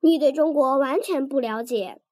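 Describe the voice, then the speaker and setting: A woman's voice: high-pitched, normal speed, warm tone, dry recording, clean studio sound, natural voice. A woman voicing a blunt, playful young husband in a storybook reading.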